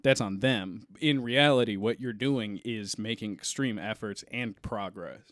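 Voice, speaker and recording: A man's voice: on the low side, a little slow, fairly bright tone, dry recording, clean studio sound. A man co-hosting a casual podcast, talking bluntly and jokingly, with plenty of swearing. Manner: blunt, joking, profane, supportive. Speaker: podcast co-host.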